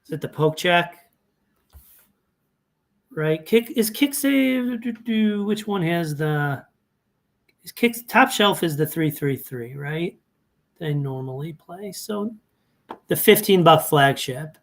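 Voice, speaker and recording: A man's voice: fairly high pitch, animated, slow, pauses often, a bit bright. A man talking through fantasy hockey lineups in a casual walkthrough, thinking aloud and correcting himself as he goes. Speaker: fantasy sports analyst. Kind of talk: casual screen-share walkthrough.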